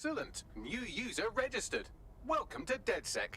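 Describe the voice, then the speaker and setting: A man's voice: high voice, wildly swooping pitch, extremely slow, sharp tone, slight background noise, full character voice. An actor playing a dry, witty male AI assistant in a video game. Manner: dry, sardonic and precise.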